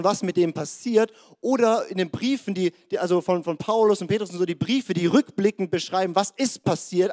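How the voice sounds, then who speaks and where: A high-voiced man preaching in a loose, conversational way, dropping into little voices for the people in his stories. His voice sounds slightly strained today, and he keeps the congregation close with quick asides. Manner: lively, conversational, acts out biblical voices. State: strained voice this morning. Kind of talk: sermon.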